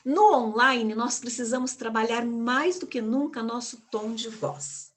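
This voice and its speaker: A woman's voice: on the high side, a little slow. A woman giving an online lecture on public speaking, emphatic and full of rhetorical questions. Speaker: communication speaker, guest of an online live.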